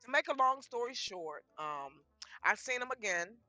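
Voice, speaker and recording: A middle-aged woman from the DC tells her life story in a loose, chatty way, with a bright edge to her voice. She talks, and the dry, close sound has faint music behind it. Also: fairly high pitch, normal speed, no echo. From Washington DC area. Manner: lively, chatty retelling of conversations with frequent laughs. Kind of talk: casual storytelling.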